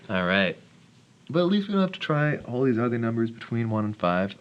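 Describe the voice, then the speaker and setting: A man's voice: medium pitch, big pitch swings, a little fast, dull audio. A man teaching math, talking himself through a worked solution in a casual, mumbling way with wry little jokes. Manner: mumbles calculations, jokes self-deprecatingly.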